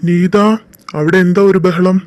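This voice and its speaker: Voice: mid-range voice, flat delivery, measured pace, darkish tone, a little hiss or hum, close to an everyday voice. Doting, easygoing dad, as a voice actor plays him. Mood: calling. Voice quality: affectionate, easygoing. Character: doting middle-aged father, indulgent. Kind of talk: amateur fan dub drama.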